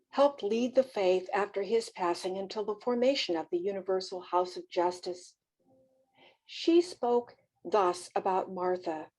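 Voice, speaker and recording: A woman presenting a devotional fireside, reading a biographical narrative aloud in a measured, expressive way. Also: medium pitch, low-quality recording.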